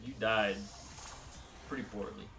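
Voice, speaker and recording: A man's voice: lowish voice, steady tone, measured pace, vocal fry, music in the background. A man from Costa Rica co-hosting a casual gaming chat with his partner, joking and sarcastic, laughing often. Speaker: co-host playing a video game.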